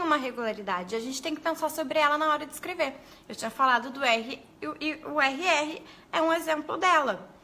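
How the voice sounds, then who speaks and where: A woman, a pedagogue, giving a lively live lesson to teachers and talking straight to her viewers. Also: sits high. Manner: lively, animated, addresses viewers as "gente".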